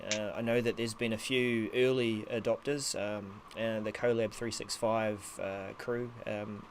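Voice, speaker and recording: A man co-hosting a casual tech show, hesitant and thinking aloud. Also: medium pitch. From New Zealand. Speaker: co-host of a live tech show. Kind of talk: casual unscripted tech chat. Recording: noisy, rain drumming on roof behind. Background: heavy rain on the roof.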